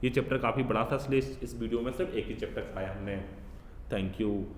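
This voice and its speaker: A male school teacher with an Indian English accent, explaining a grammar lesson to children and reading English rules aloud slowly. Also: mid-range voice, a little hiss or hum. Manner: addresses pupils as children, fatherly. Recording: echoey room with long reverb.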